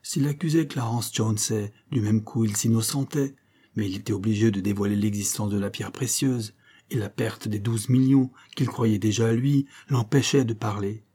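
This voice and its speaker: A man narrating an adventure story aloud as an audiobook. He reads at a steady, measured pace. His voice is dark, mellow and somewhat husky. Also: lowish voice.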